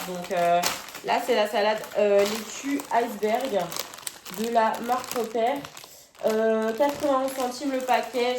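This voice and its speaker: A woman's voice: fairly high pitch, background noise. A young woman, chatting casually through a grocery haul vlog, full of "euh" fillers and slangy asides. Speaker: vlogger. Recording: echoey room.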